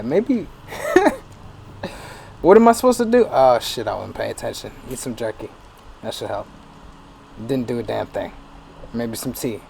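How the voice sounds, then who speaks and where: A man's voice: medium pitch, vocal fry, a little mellow, a little hiss or hum. A man ranting profanely in casual let's-play commentary as a gaming streamer. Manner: profane, ranting, laughing asides.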